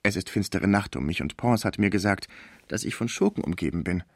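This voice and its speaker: A man voicing a lonely, grieving, naive old male musician who speaks softly and pleadingly. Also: deep voice, lively intonation, a little fast, no room sound, clean studio sound.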